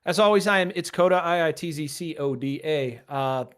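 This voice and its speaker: A man's voice: fairly high pitch, brisk, clean tone. A man hosting a casual podcast, upbeat and teasing. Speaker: podcast host. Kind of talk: casual chat.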